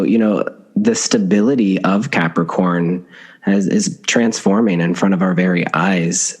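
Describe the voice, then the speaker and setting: A man's voice: low voice, husky. A man hosting a casual podcast interview, asking long, thoughtful questions. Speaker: podcast host.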